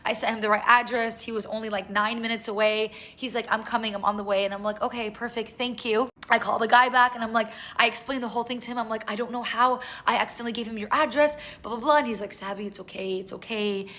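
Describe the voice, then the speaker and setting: A young woman casually telling a story to her viewers, chatty and animated, with lots of "like". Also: on the high side. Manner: chatty, animated, fast-paced retelling with lots of "like". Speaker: vlogger.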